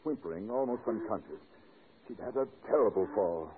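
A man's voice: lowish voice, lively intonation, moderate pace, narrow, tinny audio, lightly acted. An actor playing an earnest man giving an account in an old radio drama. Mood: concerned explaining. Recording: noisy, band-limited old radio recording.

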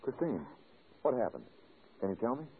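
An actor playing a gruff, exasperated skeptic in an old radio drama, blunt and impatient. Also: male voice, medium pitch, sing-song, moderate pace, narrow, tinny audio, full character voice. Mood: impatient skepticism. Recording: very noisy, band-limited old radio recording.

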